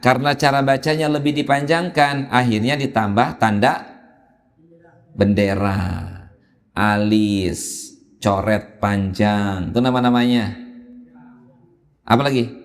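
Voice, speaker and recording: Slow-spoken man teaching in a mosque hall. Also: medium pitch. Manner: patient explaining, drawn-out chanted examples. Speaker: Quran teacher. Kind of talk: mosque Quran reading lesson. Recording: long hall reverb in a mosque.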